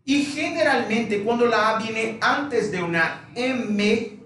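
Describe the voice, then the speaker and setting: A male teacher speaks very slowly and patiently, repeating each example word carefully. He is recorded from a distance on a phone. The room is bare and echoes strongly, with faint room noise behind him. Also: very high-pitched, a bit bright. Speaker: Portuguese teacher. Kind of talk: live online language lesson.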